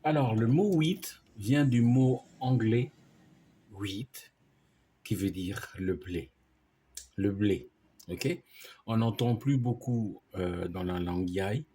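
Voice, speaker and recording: A man's voice: on the low side, takes it slowly, mellow, a little hiss or hum. A man teaching a language lesson, explaining words patiently and spelling them out letter by letter.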